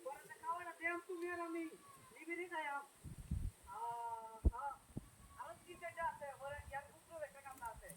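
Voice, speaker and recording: High-pitched bossy man with a Sylheti accent. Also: fairly quick, noisy background. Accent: Sylheti Bengali. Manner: loud, bossy, talking on the phone. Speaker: comic sketch performer. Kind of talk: comic phone call skit.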